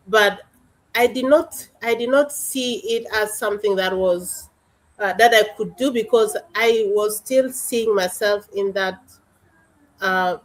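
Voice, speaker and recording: Woman, middle-aged, from South Sudan, panel speaker, earnest storytelling, hesitant pauses. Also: medium pitch, poor audio.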